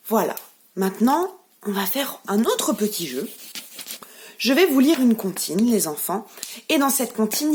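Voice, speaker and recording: A woman with a French accent, a preschool teacher giving a remote lesson to young children, speaking slowly and clearly with encouragement. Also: fairly high pitch, a little mellow. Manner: slow, clearly articulated, encouraging.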